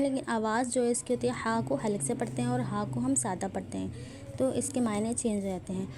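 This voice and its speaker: A woman's voice: a little high, noisy background. A woman teaching a religious lesson on Quran recitation, explaining carefully and repeating words to show how they are pronounced.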